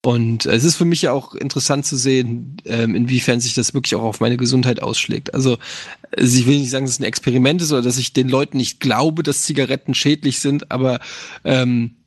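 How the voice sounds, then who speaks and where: Streamer man, thirties, slightly nasal, gravelly, loose rambling chat, dry close mic. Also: mid-range voice, brisk, no room sound. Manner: relaxed, rambling, many fillers. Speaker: streamer answering questions. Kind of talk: casual chat.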